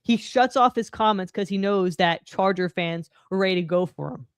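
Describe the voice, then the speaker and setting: A woman's voice: medium pitch, moderate pace, clear, resonant tone, no room sound. Female sports podcast co-host, blunt and stat-minded, dry close sound. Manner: blunt, dismissive, stat-driven. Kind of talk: casual sports chat.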